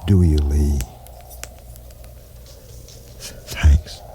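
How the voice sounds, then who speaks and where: A dying lieutenant on an old radio show. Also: male voice, rumbling low, steady tone, full character voice. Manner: slow, halting, breathy farewell. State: dying, weak. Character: dying male lieutenant, regretful. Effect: old radio show broadcast sound. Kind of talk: 1950s radio drama acting. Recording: faint hiss of 1950s radio broadcast.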